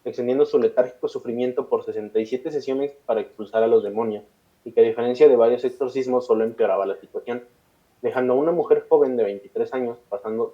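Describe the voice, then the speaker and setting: A man with a Mexican accent, a podcast co-host reading a scripted segment between casual banter. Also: medium pitch. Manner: reads long passages, breaks into slangy chat. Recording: dull lo-fi podcast audio.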